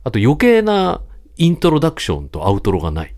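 A man co-hosting a podcast in relaxed casual chat, telling stories with sudden jumps of excitement. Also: brisk. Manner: relaxed, chatty, animated storytelling with sudden rises in pitch. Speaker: podcast co-host.

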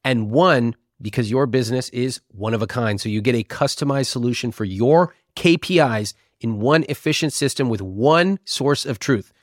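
Man rattling off a fast legal disclaimer. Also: medium pitch, dry recording, studio quality. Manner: rapid, flatly recited fine print. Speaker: podcast host and financial coach. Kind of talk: fast legal disclaimer at end of sponsor read.

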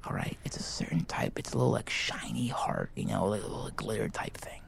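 A man doing an exaggerated voice plays a clumsy, eager teenage school-podcast host in a scripted comedy bit. Whispering into a handheld mic in a library, he rambles brisk and very animated with lots of fillers, his lowish voice carrying vocal fry and a hushed excitement.

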